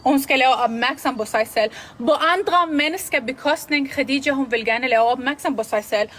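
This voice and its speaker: A woman with a high, light voice chats on a livestream. She rambles in halting, loosely built sentences, circling back and repeating herself as she goes. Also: a bit bright, rough recording. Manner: rambling, halting, with broken grammar. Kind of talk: casual livestream chat.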